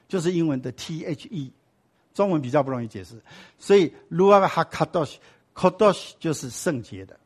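Animated man teaching a Bible class. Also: on the high side, slightly rough. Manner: lively teaching, asks rhetorical questions, drops in English and Hebrew words. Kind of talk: sermon-style Bible class.

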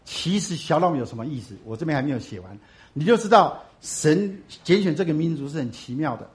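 A pastor preaching to his congregation. He asks questions and answers them himself, swinging from loud emphatic bursts to low, soft asides. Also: expressive, brisk. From Taiwan. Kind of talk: sermon.

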